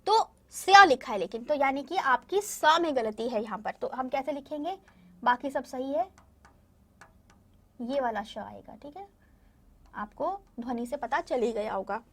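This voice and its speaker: A woman with a high, light voice leads a primary school language lesson. She speaks patiently to young children, explains step by step and keeps checking that they follow. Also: expressive, unhurried, fairly bright tone. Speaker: primary school Hindi teacher. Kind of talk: recorded classroom lesson addressing children.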